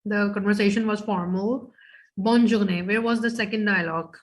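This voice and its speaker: Woman teacher, online class, mid pitch, explains phrases in English, quizzes students, video call mic. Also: fairly even intonation, normal speed. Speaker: French teacher.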